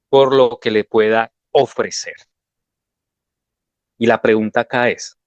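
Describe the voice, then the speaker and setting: A man's voice: medium pitch, no room sound. A man giving a devotional sermon, telling personal stories in a conversational way. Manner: conversational, anecdotal storytelling.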